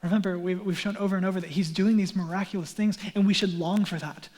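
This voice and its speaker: Male pastor, fairly high voice, conversational sermon delivery that falls to near-whispers on key points. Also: fairly even intonation, quick pace. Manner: earnest, conversational, drops to a hush for emphasis; casual asides with fillers like "like".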